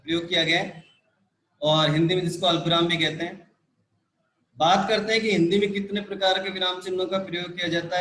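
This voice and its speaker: A man with a fairly high voice teaches a live grammar class, patiently repeating each point and checking in with his students. The sound rings around a roomy, echoey space. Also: a bit bright, a little hiss or hum. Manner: repetitive, patient explaining with frequent "ठीक है" and "देखो". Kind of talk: live online grammar lesson.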